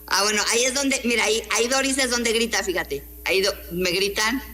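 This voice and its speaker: In a news program interview, this middle-aged Mexican journalist and columnist sounds indignant and emphatic, firing off rhetorical questions. Her Mexican Spanish-accented voice is fairly high and sharp, and she talks fairly quickly.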